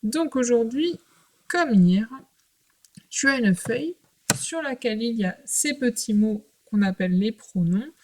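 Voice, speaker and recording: A woman teaching a recorded remote lesson to young children. She talks patiently and clearly in short phrases with pauses. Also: fairly high pitch, lively intonation, a little mellow. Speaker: primary school teacher.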